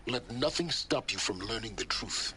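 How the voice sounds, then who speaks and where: An actor playing a cold, commanding menacing voice in a game. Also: male voice, medium pitch, expressive, moderate pace, a crowd in the background, lightly acted. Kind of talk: game voice acting. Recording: distant game audio with loud ambience.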